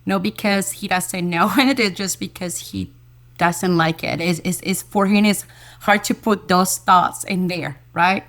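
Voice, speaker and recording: A woman elementary school teacher, a guest in an interview, telling a story in a lively, enthusiastic way and repeating words as she goes. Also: on the low side, measured pace. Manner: lively storyteller who acts out quoted dialogue.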